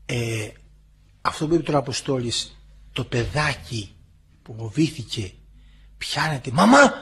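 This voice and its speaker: A man's voice: medium pitch, fairly bright tone, slightly rough. A man from Greece giving a sermon to listeners, talking in a homely, storytelling way and acting out quoted voices. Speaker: preacher.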